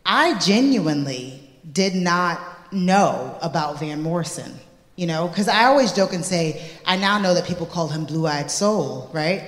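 A woman singer answering questions in a live on-stage interview, telling her story in an animated, reflective way. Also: on the low side, measured pace. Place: large hall before a live audience. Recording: echoey hall with long reverb.

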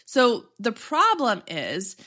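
A woman hosting a solo podcast in casual chat, congested and a little nasal from allergies, talking in quick run-on asides. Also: on the high side, wildly swooping pitch, sharp tone. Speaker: podcast host and business coach.

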